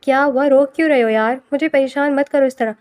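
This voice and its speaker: A woman's voice: high voice, steady tone, a little mellow, dry recording, close to an everyday voice. A woman voicing a proud young man, an older brother turning cold and threatening. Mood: caring.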